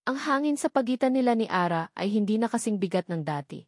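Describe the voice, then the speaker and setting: A woman telling a scripted romantic drama in an expressive storytelling manner. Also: medium pitch, brisk, no room sound, clean studio sound. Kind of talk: scripted narration.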